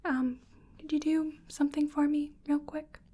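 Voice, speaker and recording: Soft, breathy whispers come from a woman role-playing a medical examiner for ASMR, murmuring to herself gently and hesitantly. Her voice sits high, with a flat delivery at normal speed.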